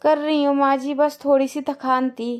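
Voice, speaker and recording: A meek, selfless young daughter-in-law in a cartoon family, voiced by a woman. Her voice sits a little high and sounds patient. She reassures others gently and never pushes back. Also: steady tone, unhurried, lightly acted. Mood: submissive. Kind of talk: Hindi cartoon voice acting.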